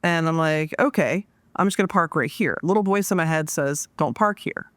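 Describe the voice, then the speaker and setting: A woman in her forties, a podcast guest, telling a casual story with lively asides and acted-out quotes. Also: low-pitched, normal speed, no room sound. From Washington DC area. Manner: animated, acts out quoted dialogue.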